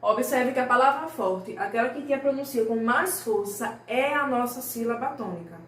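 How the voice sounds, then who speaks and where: A primary school teacher records a remote lesson for young children in a patient, slightly high voice, stretching example words out slowly and checking in often. The audio sounds roomy and distant from the mic, with a faint hiss underneath.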